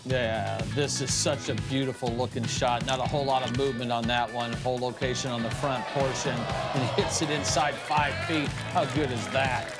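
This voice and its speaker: A man working as a golf commentator, analysing highlights with conversational, exclamatory reactions. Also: fairly even intonation, normal speed, few pauses. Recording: loud music bed behind commentary. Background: music.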